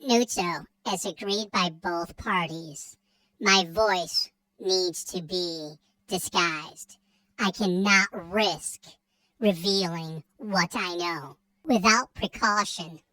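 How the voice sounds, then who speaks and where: A secret informant with a squeaky disguised voice. She talks slowly, formal and grave, like every word is classified. The sound is close and dry. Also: sharp tone, no echo, low-quality recording. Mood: earnest. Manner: solemn, formal, conspiratorial. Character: secretive whistleblower with a disguised, helium-like voice. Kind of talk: comedy sketch.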